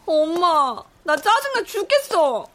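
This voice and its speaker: An actress in her thirties playing a blunt, quick-tempered pregnant wife. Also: extremely high pitch, big pitch swings, a bit bright, slight background noise, full character voice. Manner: blunt and exasperated.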